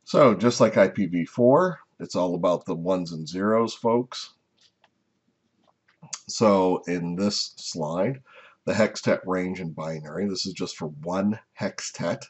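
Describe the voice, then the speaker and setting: Deep, husky-voiced man lecturing slides. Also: dull audio. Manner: unhurried, explanatory, frequent "uh" and "um" fillers. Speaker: instructor.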